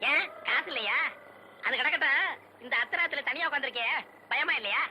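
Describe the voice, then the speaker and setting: A man's voice: very high-pitched, fairly quick, bright, forceful tone, slight background noise, exaggerated voice, low-quality recording. An actor playing a timid comic young man who chatters and sings to chase off his fear. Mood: chatty. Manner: comic, nervous, sing-song. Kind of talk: 1980s film comedy acting.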